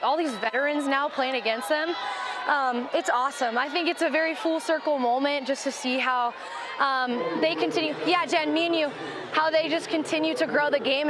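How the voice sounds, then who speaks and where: A young woman softball player, mic'd up in the field during a live game, talking brightly and a little out of breath. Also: high voice. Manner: bubbly, upbeat, cheers teammates mid-play. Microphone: wireless body mic. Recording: noisy outdoor ballpark mic.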